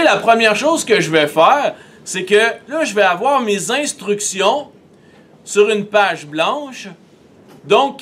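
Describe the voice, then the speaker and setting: A man with a Québécois accent, teaching a software tutorial and talking methodically through each step on screen. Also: high voice.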